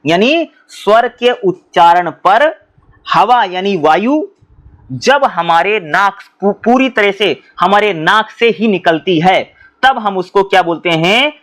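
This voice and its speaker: A man's voice: sits high, expressive, slow, fairly bright tone. A male teacher explaining exam topics who asks questions and answers them himself and often repeats his points. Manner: often repeats himself and addresses students as bhai.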